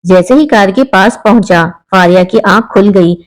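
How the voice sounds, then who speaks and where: A woman's voice: medium pitch, low-quality recording. A woman with a Pakistani Urdu accent reading a sad family story as scripted dramatic narration, in an emotional, mournful storytelling manner.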